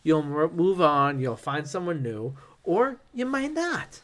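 Male podcast co-host, somewhat high voice, rambling and excitable, laughs nervously through stories. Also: takes it slowly. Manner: rambling, animated, laughs nervously while reading. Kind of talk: casual podcast chat.

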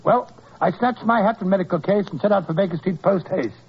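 An actor playing a steady, kindly male doctor who narrates and reassures in a brisk, earnest way, in 1940s radio acting. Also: sits high, breathy edge. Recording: muffled old radio broadcast.

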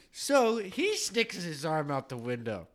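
Male co-host, casual chat, lively swinging pitch, animated joke teller. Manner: animated, laughs at own jokes. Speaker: podcast co-host.

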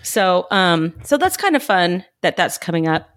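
Woman, podcast co-host, casual chat, lowish voice, dry close sound. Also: unhurried, no echo. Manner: chatty, animated, quotes characters in voices.

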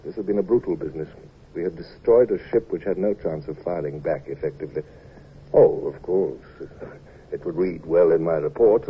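An actor playing a measured naval commodore who also narrates, in a crisp, dry, reflective manner, in old radio drama style. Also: male voice, low voice. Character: commanding British naval commodore, measured and wry. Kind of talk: 1950s radio drama acting. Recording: dull old radio recording with faint hiss.

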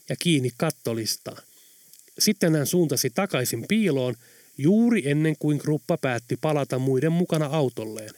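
A man narrating an audiobook in a steady, even storytelling manner. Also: on the high side, no room sound, clean studio sound. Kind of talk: scripted narration.

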